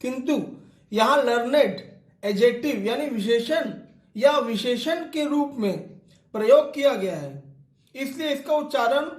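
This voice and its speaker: A man with a very high voice gives a line-by-line literature lecture. He reads English quotations slowly and deliberately before explaining them. The sound is roomy and echoey. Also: lively intonation.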